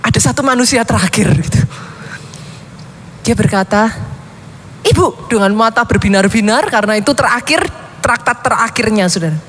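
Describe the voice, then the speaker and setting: A woman's voice: a little high, fairly quick, fairly bright tone, slight background noise. A woman pastor preaching, telling a story dramatically and often addressing her listeners directly. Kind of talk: sermon storytelling.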